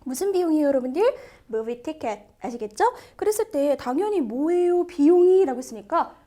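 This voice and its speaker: A woman with a bright, high voice teaches a test-prep listening lesson. She speaks in a lively, animated way and keeps turning to her students with questions. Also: normal speed. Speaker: TOEIC listening instructor. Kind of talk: video lecture.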